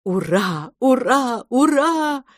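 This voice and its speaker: A woman voicing an anxious, dramatic male creature in a storybook reading, drawn-out and lamenting. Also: mid-range voice, darkish tone, dry recording, studio quality, lightly acted. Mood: overjoyed. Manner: slow, wailing lament.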